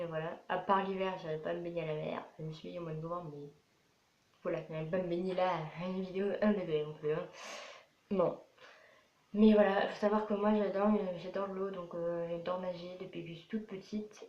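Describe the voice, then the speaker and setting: With a fairly quick delivery, a 12-year-old vlogger from France rambles and repeats herself while casually answering questions to camera. Her voice is fairly low, darkish and level in tone, recorded in an echoey room with dull sound and faint noise.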